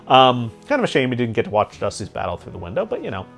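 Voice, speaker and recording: Giggly gaming host rambling through a guide, super lively voice, faint game music. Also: medium pitch, quick pace. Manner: chatty, giggly, lots of fillers. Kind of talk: let's play commentary.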